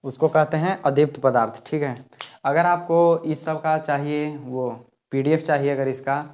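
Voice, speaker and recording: A man's voice: on the high side, steady tone, normal speed, a little mellow. Male physics teacher at a board, patient step-by-step explainer who repeats key terms, voice fades as he turns to write. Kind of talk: classroom lesson at a board.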